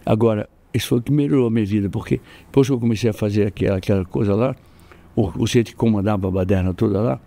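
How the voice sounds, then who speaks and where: A man's voice: quick pace, creaky. Older Brazilian man telling fight stories. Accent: Brazilian Portuguese. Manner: animated, acts out quoted voices with jumps in pitch. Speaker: interview guest, jiu-jitsu master. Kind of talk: storytelling in casual interview.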